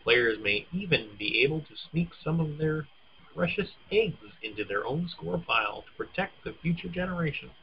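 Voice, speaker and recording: A man's voice: fairly high pitch, animated, moderate pace, creaky, muffled recording, slight background noise. A man co-hosting a casual chat, playfully teasing and reading game blurbs aloud. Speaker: podcast co-host.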